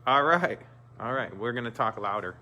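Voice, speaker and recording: A man's voice: medium pitch, expressive, normal speed, pushed and bright, lo-fi sound. A man hosting a live stream in casual, joking banter, talking through a face mask. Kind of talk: casual chat.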